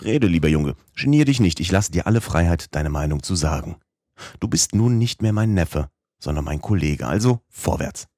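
A man voicing a stern, excitable old professor in an audiobook, speaking in a raised, emphatic, lecturing way. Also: deep voice, normal speed, no echo, clean studio sound. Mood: encouraging. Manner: emphatic, lecturing, pushes eagerly ahead. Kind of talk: audiobook character voice.

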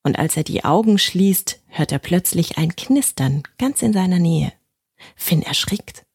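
Storyteller: woman, gentle bedtime reading, husky tone, dry close mic. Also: fairly low pitch, dry recording.

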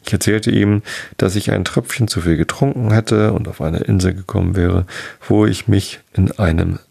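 A man narrating a folktale in the first person, telling it in a lively way. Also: sits low, moderate pace, creaky, breathy edge. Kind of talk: storybook reading of a folktale.

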